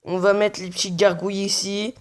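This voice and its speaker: A young gaming video creator mutters casual play-by-play over his own mobile game match, swearing often. His voice is high and level in tone, moving at a moderate pace.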